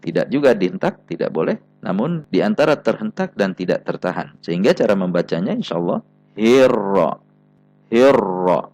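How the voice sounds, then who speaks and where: A man's voice: deep voice, very animated, fast talker, few pauses, darkish tone, no room sound. Patient Indonesian man teaching recitation. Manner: patient, repeats example sounds with careful stress. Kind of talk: slow spelled-out recitation lesson.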